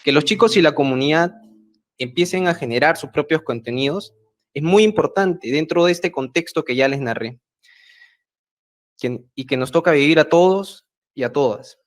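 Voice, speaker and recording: Speaking a little high and in an animated way, a Peruvian man from the central Andes presents prepared remarks to an online project meeting. His Peruvian Spanish accent comes through a video call mic from his home. He keeps a measured pace but pauses frequently with hesitant fillers.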